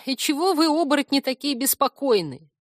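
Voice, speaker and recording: A woman voicing a whiny, self-pitying little male tree-stump spirit with a creaky voice in an audiobook. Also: high-pitched, big pitch swings, fairly quick, no room sound, studio quality, pitched above the performer's own voice. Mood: whining. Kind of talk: audiobook character voice.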